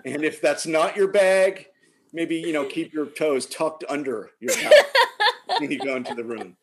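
A man with a slightly high voice spins an animated, chatty anecdote and keeps breaking into laughter. the telling is casual and lively. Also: normal speed. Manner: animated storyteller, laughs often. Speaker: guest telling a story. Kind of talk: casual chat.

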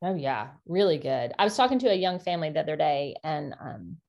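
Woman, podcast co-host, earnest and encouraging, casual parenting chat, quick asides. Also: low voice, expressive, gravelly, lo-fi sound.

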